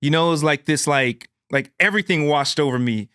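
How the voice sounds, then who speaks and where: A man's voice: on the high side, a little fast, a bit bright, clear, resonant tone, no room sound, studio quality. A man hosting a podcast, telling a heartfelt personal story in an earnest, emphatic way and calling the listener "man" and "bro". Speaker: podcast host.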